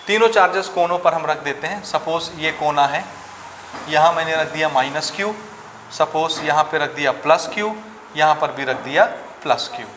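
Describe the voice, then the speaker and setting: A man teaches physics to a class in a slightly high voice, working numbers out aloud and asking students for answers. The room is echoey, with faint noise behind him. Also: fairly bright tone. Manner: asks students questions, works sums aloud. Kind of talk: classroom lecture.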